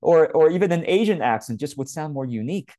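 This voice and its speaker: Using a wired earphone headset on a webcam in a small home room, a Californian business coach in his late forties offers casual advice aimed right at the listener with informal emphasis. His voice is fairly high, expressive, quick and mellow, with studio-quality audio and no room sound.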